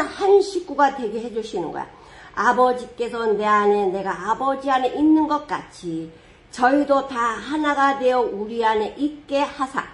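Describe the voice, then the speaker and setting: Woman pastor with a higher-pitched voice, lively sermon storyteller who breaks into booming dramatic quotes. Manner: lively storytelling, rhetorical questions, sudden loud dramatic quotes.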